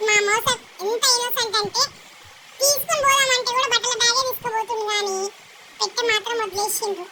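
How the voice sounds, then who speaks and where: A young girl, chatting excitedly and bossily, whispering secrets as she narrates a family vlog. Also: very high-pitched, quick pace. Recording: loud background noise.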